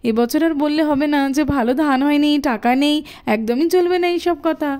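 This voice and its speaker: A woman's voice: high voice, brisk, a little mellow. A woman voicing a chatty, demanding village wife and mother in a doll cartoon. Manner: demanding, bargaining.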